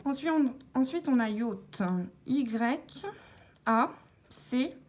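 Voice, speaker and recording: A woman vlogger talking through her scratch-card tickets, calmly spelling out letters one by one as she checks each word, with scratching sounds behind her. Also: high voice, drawn-out words. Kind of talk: casual narration while scratching tickets.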